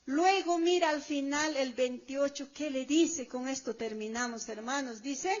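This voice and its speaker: A woman's voice: high-pitched, unhurried. A woman preacher giving an emphatic sermon to a congregation, stretching out her exclamations. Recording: dull lo-fi recording.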